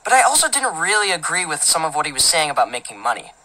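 A woman's voice: sits low, big pitch swings, quick pace, sharp tone, rough recording. A woman narrating a teenage boy's first-person story as an audiobook, in a casual, filler-filled, indignant manner. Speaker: audiobook reader.

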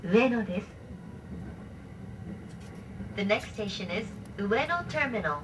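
A woman reading a scripted train announcement in a formal, measured way, as an onboard announcer. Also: expressive. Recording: distant train speaker over loud rumble. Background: train running noise.

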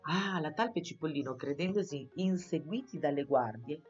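A woman reading a children's novel aloud for schoolchildren, in an expressive storytelling style. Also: low-pitched, normal speed, muffled recording, faint music behind. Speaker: audiobook reader for schoolchildren. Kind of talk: storybook narration.

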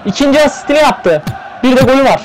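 A man calling an online football game play by play, firing off player names and bursting out in excitement at the goals. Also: extremely high pitch, fast talker, a faint crowd, slight background noise, rough recording. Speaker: play-by-play commentator. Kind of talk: live esports play-by-play commentary.

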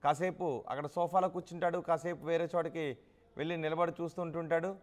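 A man's voice: on the high side, steady tone, a little fast. A man narrating news footage as a voice-over, pointing viewers to the scenes shown and repeating names as he goes.

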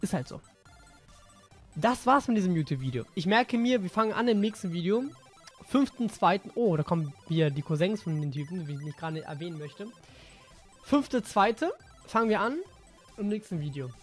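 A man's voice: high voice, expressive, moderate pace, faint music behind. A man talking casually as a gaming YouTuber, reading out messages in an offhand, slangy way.

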